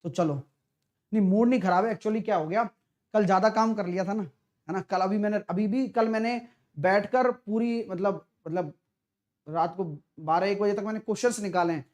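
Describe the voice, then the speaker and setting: A man teaches maths in a live online exam-prep class, his voice sitting fairly high. He talks in a chatty, coaxing way. He keeps prodding his students with quick questions as he works through each problem. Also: a little mellow, highs cut off.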